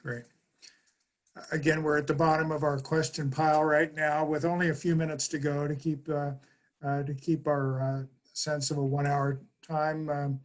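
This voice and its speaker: Flat-toned man moderating a webinar. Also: on the high side. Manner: polite, halting, many fillers. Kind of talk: moderating an online Q&A. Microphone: video call.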